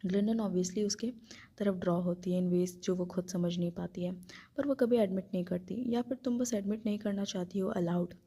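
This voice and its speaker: Woman, novel narration, gravelly, warm, husky. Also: on the low side, dry recording. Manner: reads both the narration and the characters' dialogue. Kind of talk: Hindi novel retelling read aloud.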